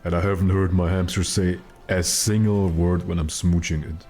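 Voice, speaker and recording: A man with a very deep voice chatting casually with his stream viewers while gaming, in a joking, mock-serious way. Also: little pitch movement, moderate pace, darkish tone, soft background music. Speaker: live game streamer.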